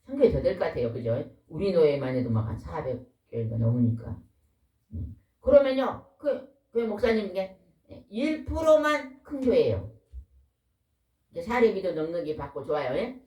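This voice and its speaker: Woman, folksy sermon, lowish voice, roomy church echo. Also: brisk. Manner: lively, folksy, asks the congregation questions. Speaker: pastor's wife preaching. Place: church hall. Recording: echoey hall, voice from far off.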